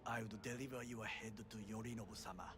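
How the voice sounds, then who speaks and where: A man's voice: lowish voice, fairly even intonation, quick pace, noisy background, close to an everyday voice. An actor playing a stern, formal male corporate bodyguard who speaks in clipped, formal lines, heard as game audio. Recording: game audio with loud ambience behind.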